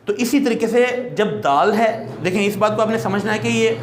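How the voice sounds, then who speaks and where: A man's voice: high voice, fairly even intonation, roomy sound, a little hiss or hum. A man teaching Quran recitation who explains patiently and draws out letter sounds as long demonstrations. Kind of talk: classroom lesson.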